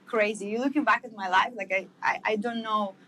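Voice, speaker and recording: Woman from Estonia, bright tone, chatty guest who piles on fillers. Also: mid-range voice, fairly even intonation, brisk, low-quality recording. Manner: eager, rambling, with many fillers. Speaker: guest, wellness entrepreneur. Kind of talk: casual interview storytelling.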